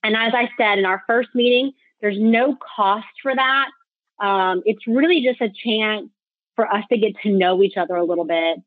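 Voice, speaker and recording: A woman's voice: medium pitch, moderate pace, dry recording. A woman financial advisor giving an informal webinar, talking conversationally and directly to her listeners. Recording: tinny phone-like line.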